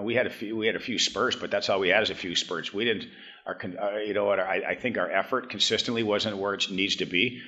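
Halting, frank middle-aged man, bright voice. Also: deep voice, lo-fi sound. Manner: halting, restarts often, blunt and frank. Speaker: head hockey coach. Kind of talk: postgame press conference. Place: press room in front of a team backdrop.

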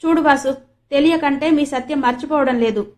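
A woman's voice: high voice, normal speed, pitched above the performer's own voice, lightly acted. A woman voicing a fussy, squeamish young city man who scolds in a raised voice in an audiobook. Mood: scolding.

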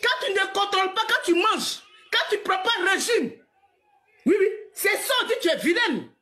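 Woman, forties, very high voice, bright and forceful, scolding rant, laughing as she repeats herself, live stream. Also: big pitch swings, moderate pace. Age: 40s.

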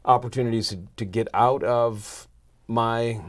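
A podcast guest who works as a marketing consultant, this middle-aged American man speaks a little slowly in a steady, mid-range voice. He answers in an earnest, conversational style, voicing pieces of dialogue while explaining, recorded on a lapel mic in a small indoor podcast studio.

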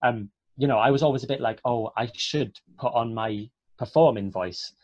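In a relaxed video-call interview, a young Welsh guest actor talks in loose, filler-heavy runs with frequent restarts and a Welsh accent. His mid-range voice has a darkish tone at normal speed, and the earphone-mic recording is dry, a bit dull, with no echo.

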